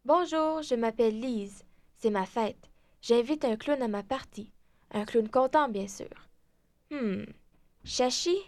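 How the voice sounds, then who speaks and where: A woman voicing a cheerful young girl planning her birthday party, in a slow, clear scripted language-lesson dialogue. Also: fairly high pitch, darkish tone. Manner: slow, clear, deliberate speech.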